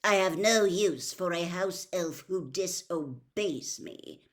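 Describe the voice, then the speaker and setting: A woman voicing a stern, pitiless male master in a storybook, with a cold, clipped, deliberate delivery. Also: lowish voice. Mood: cold disdain.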